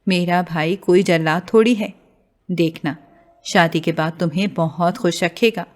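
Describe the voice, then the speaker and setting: A woman's voice: fairly low pitch, steady tone, close to an everyday voice. A woman voicing a friendly young female friend who talks in a coaxing, cheerful way.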